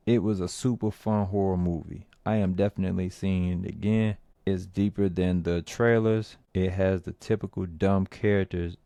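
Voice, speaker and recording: A man doing casual, rambling commentary on movies and viral fights, slangy and animated when ranting. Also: low-pitched, no room sound, clean studio sound. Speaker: movie review vlogger.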